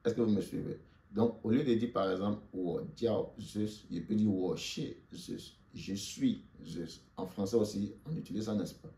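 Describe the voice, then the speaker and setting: A man giving a spoken language lesson, slowly repeating short phrases for listeners to say back after him. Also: on the low side, warm tone. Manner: slow, repeats phrases for the learner to echo. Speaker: Mandarin teacher.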